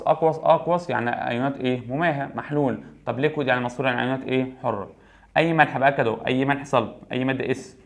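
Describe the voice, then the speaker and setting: A chemistry teacher with an Egyptian Arabic accent and a medium-pitched voice with vocal fry runs an exam review. He poses questions, answers them himself, and repeats the key points.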